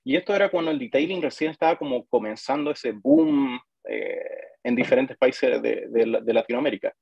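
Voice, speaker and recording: A man talks as a guest in a relaxed, hesitant way, filling pauses and restarting his sentences. His voice is husky and the recording is dry and muffled, with a lo-fi quality. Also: mid-range voice, dry recording. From Chile. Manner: hesitant, frequent fillers and restarts. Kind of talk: casual conversation.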